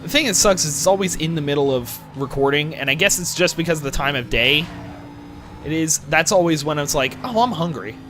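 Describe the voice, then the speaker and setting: Rambling young man, bright voice. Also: on the high side, slight background noise. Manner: rambling, self-questioning, occasional swearing. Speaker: gaming channel host. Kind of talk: rambling let's-play commentary.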